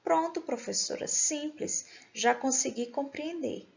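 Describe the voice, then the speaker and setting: A teacher voicing an eager, confident schoolchild. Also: female voice, high-pitched, unhurried, vocal fry, darkish tone, dull audio, voice pushed up.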